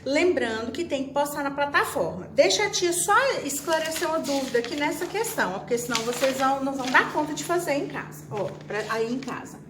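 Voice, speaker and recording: Brazilian woman teacher, high voice, chatty with kids, talks about herself in the third person, echoey room with faint hum. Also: lively intonation, quick pace, hardly any pauses. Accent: Brazilian Portuguese. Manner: speaks of herself in the third person, chatty, acts out pupils' questions. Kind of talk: recorded online class for children. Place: classroom or room at home with a whiteboard.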